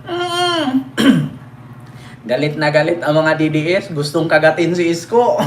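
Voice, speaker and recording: A man's voice: on the high side, very animated, slow, echoey room, slight background noise. A man giving mocking, crude political commentary to his viewers, laughing often and teasing.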